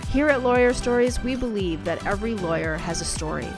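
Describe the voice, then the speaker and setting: A woman delivers a polished, scripted show introduction in a smooth announcer manner. Music plays clearly underneath her voice, at a middling pitch. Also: animated, brisk. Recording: voice over clear music bed.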